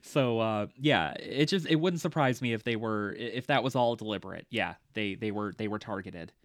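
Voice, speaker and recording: On a dry, clean studio recording, a podcast co-host with a fairly low voice chats casually about a movie at a moderate pace. His talk is full of filler words and frequent laughter.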